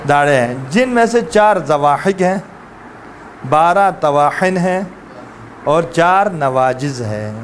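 A man's voice: fairly high pitch, animated, slight background noise. A man teaching Quran letter pronunciation in a classroom, drilling sounds aloud and coaxing students to repeat. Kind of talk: classroom tajweed lesson.

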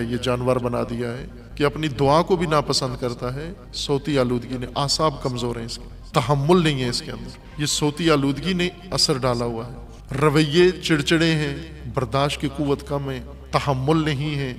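A man's voice: a little high, fairly bright tone. Emphatic man lecturing in a reverberant hall. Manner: emphatic, with rhetorical questions. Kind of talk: moral lecture to students. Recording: long hall reverb, faint music behind.

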